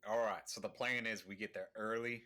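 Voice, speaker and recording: A man's voice: lowish voice, fairly even intonation, brisk, bright, forceful tone, a little hiss or hum. A man playing a tabletop game, joking and planning casually with the group. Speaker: player.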